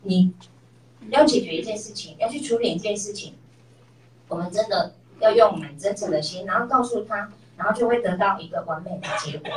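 A woman's voice: medium pitch, brisk, a little hiss or hum. A middle-aged woman shares a personal story with a class, acting out the voices of the people in it. She is heard from some distance across an echoey room. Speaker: class member sharing a story. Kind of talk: personal testimony.

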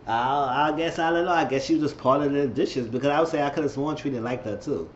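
A man recapping a reality show episode in casual, gossipy commentary, animated and quick to act out what people said. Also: medium pitch, reverberant, highs cut off, a little hiss or hum. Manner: animated, gossipy, acts out the quotes. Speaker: reality TV reviewer.

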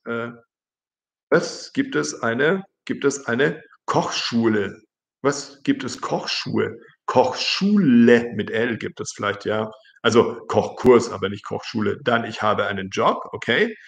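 Guy teaching german on a live stream, reads chat out loud and fixes mistakes, gravelly voice. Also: mid-range voice. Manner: reads out chat messages and corrects them, often laughing. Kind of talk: live-stream lesson reading viewer comments.

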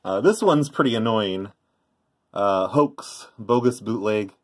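Seated indoors by a tape deck, a middle-aged former prank call tape trader turned vlogger rambles offhandedly through a show-and-tell. He speaks slowly in a lowish voice, and a little hiss or hum can be heard.

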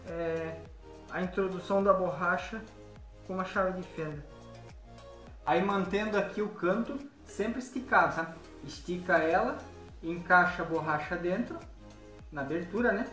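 This Brazilian man in his thirties speaks in a high, slightly bright voice at a measured pace, pausing often. He's a window installer showing his work in a large workshop, explaining plainly and tossing in frequent tag questions, recorded on a nearby phone camera amid echo and background music.

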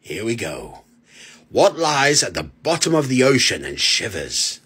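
Middle-aged male dad-joke teller: very raspy, hugely animated pitch, deliberate delivery. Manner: telling a dad joke, setup then punchline. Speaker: dad joke teller in short social media clips. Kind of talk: telling dad jokes. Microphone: phone at arm's length.

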